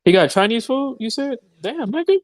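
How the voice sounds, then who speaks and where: A man's voice: extremely high pitch, sing-song, normal speed, no room sound, studio quality. A man in his thirties co-hosting a casual podcast, teasing and joking crudely. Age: 30s. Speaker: podcast co-host. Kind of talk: casual chat.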